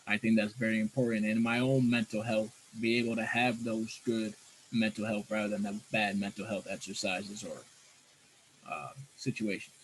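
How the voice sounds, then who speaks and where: A man, a guest who counsels at a college, explaining something earnestly and in a measured way. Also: lowish voice, level tone, a little hiss or hum, poor audio.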